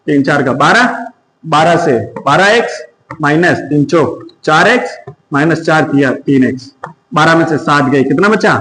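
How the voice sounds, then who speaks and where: Guy doing an exam maths class, talks through each step, high pitched, echoey room. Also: expressive, normal speed, sharp tone. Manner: works through sums step by step, asking and answering himself. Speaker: maths teacher. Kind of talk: exam-prep maths lesson.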